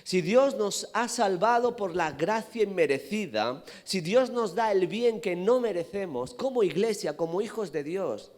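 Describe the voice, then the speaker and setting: A man with a Spanish accent from Spain preaching a sermon, building to loud emphatic peaks and questioning the congregation. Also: high-pitched, expressive, unhurried, few pauses. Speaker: pastor. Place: church hall. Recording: reverberant hall.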